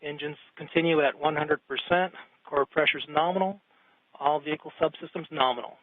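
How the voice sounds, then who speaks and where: A man's voice: on the high side, steady tone, a little fast, dry recording, phone-quality sound. A man working as a launch controller, making technical status callouts in a clipped, procedural delivery. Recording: very loud noise over the voice.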